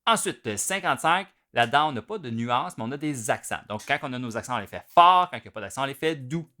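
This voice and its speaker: This drum teacher, with a Quebec French accent and a middle-pitched voice, gives an instructional video lesson at a slightly fast pace. He explains informally and easily, leaning on lots of fillers, and breaks off between phrases to play.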